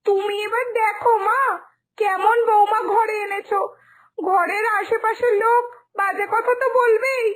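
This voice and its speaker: A woman plays an angry young sister-in-law in a cartoon story, shrill and accusing, close to tears. Her voice is very high. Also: fairly even intonation, measured pace. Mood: complaining.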